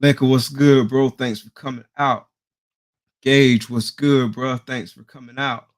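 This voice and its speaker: A man's voice: medium pitch, steady tone, a little slow. A man hosting a live interview stream, greeting viewers by name in slangy, hyped talk before bringing in his guest. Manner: hyped, slangy, shouting out chat names. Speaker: podcast host.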